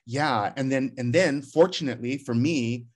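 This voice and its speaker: Speaking at a moderate pace in a medium, slightly mellow voice, a middle-aged man who directs theater reflects aloud on a casual video call. He's at home in the living room, rambling and restarting frequently.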